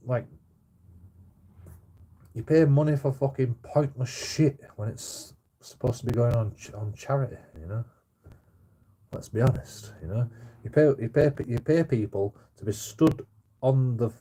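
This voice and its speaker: A man's voice: mid-range voice, dark tone. A man in his forties with a Bradford accent, ranting casually on a livestream in a blunt, sweary, repetitive way. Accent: Bradford, West Yorkshire. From Bradford, England. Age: 40s. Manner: blunt, sweary, repetitive, often tagging sentences with "you know". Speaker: livestream host. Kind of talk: casual opinionated livestream rant.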